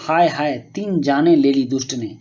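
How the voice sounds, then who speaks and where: Scolding mom, middle-aged, sharp with her boy, read by a guy, muffled lo-fi audio. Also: medium pitch, normal speed, natural voice. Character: scolding village mother, middle-aged woman. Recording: muffled lo-fi recording.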